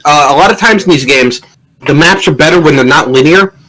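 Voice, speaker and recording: A young man, a guest in casual gaming chat, talking in an animated, offhand way. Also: fairly high pitch, fairly quick, poor audio.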